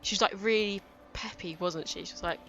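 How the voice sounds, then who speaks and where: A woman's voice: medium pitch, a little fast, a bit bright. A woman playing a story game and chatting casually in self-deprecating asides. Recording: game music behind.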